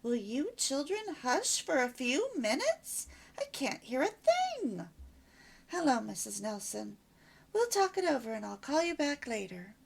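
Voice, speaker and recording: A woman's voice: sits high, huge pitch swings, normal speed, pitched above the performer's own voice. A woman voicing a patient mother of three who grows exasperated with her noisy children, in a storybook reading. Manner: exasperated, coaxing.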